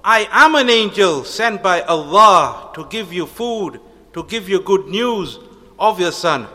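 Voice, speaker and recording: A man plays a solemn angel from a children's religious story. The voice is high and bright, proclaiming slowly with command inside a long, echoing reverb. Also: animated, exaggerated voice. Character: angel messenger in human form, commanding, solemn.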